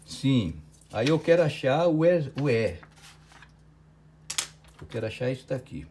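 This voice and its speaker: Brazilian guy teaching physics online, walks through the math step by step, warm low-key voice. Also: big pitch swings, unhurried, a little hiss or hum. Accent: Brazilian Portuguese. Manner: step-by-step, thinking aloud, checking with "né?" and "certo?". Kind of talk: online lecture working problems on a board.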